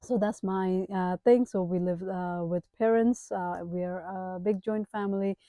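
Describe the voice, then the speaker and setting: A page owner and digital entrepreneur from Kathmandu, Nepal, in her thirties, chats casually in a self-introduction vlog, addressing viewers with emphatic asides. Her Nepali-accented voice is lowish and dark, with fairly even intonation at a measured pace, in a dry recording.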